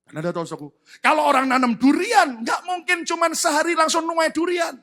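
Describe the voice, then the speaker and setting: A man preaching a sermon as pastor, animated and emphatic, with sudden loud outbursts. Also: very high-pitched, fast talker.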